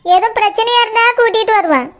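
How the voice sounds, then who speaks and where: A woman voicing a calm elder sister in cartoon comedy, speaking reassuringly with a Tirunelveli accent. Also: very high-pitched, fast talker. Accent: Tirunelveli Tamil. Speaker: cartoon voice artist. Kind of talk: cartoon family comedy dialogue.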